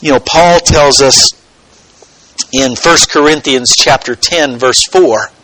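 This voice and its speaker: A man preaching a sermon, teaching earnestly and dropping to a soft voice for quoted words. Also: medium pitch, dry recording, rough recording. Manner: slow, earnest teaching with dramatic soft quotations.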